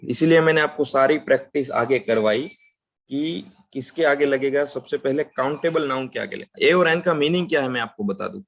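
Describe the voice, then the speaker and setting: A man teaching an English grammar lesson, explaining patiently, checking in with "right?" and saying example sentences slowly. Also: medium pitch, creaky.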